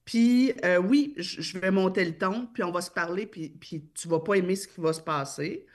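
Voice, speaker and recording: A woman's voice: on the low side, normal speed. A woman with a Québécois accent explaining her views on parenting in a casual discussion, emphatic, with many fillers and restarts. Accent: Québécois French. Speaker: parenting speaker.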